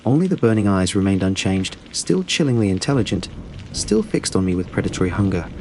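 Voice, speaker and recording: A man reading a scripted horror story in a steady, measured storytelling delivery. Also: deep voice, a little hiss or hum, rough recording. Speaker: narrator.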